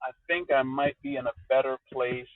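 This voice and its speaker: Guy calling in from his car on bluetooth, thin voice no bass, kinda muffled, lots of uhs. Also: fairly even intonation, slight background noise. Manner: halting, many fillers and restarts. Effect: thin speakerphone sound with no bass. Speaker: caller. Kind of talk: casual discussion. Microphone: car Bluetooth speakerphone. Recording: thin, dull car Bluetooth phone line.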